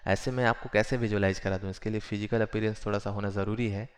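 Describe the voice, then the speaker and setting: A male physics teacher giving a classroom lecture, repeating phrases slowly and mixing Hindi with English. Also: fairly low pitch, fairly even intonation.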